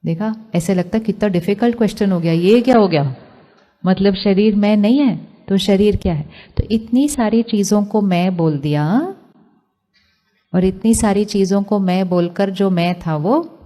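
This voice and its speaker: A woman's voice: mid-range voice, unhurried, dark tone. An Indian woman giving a spiritual talk to a live audience, asking them questions and mixing English phrases into her speech. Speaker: spiritual speaker.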